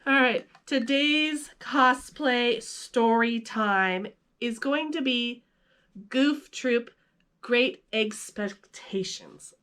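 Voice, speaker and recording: A woman video host and storyteller moves playfully between casual vlog chat and reading a children's story aloud. Her fairly high voice is smooth and fairly bright, and she speaks very slowly.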